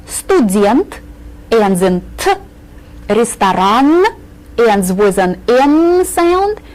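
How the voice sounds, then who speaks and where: Woman, language teacher, slow deliberate delivery, lively rising and falling pitch, repeat-after-me drilling. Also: low-quality recording. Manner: slow, careful, emphatic teaching with drilled repetition. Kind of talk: scripted language lesson.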